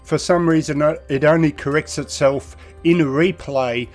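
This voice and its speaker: A man's voice: a little high, steady tone, normal speed, faint music behind. A man hosting his sim racing channel in a casual, chatty way, his voice nasal and congested from a head cold. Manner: chatty, rambling, enthusiastic. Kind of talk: casual video commentary.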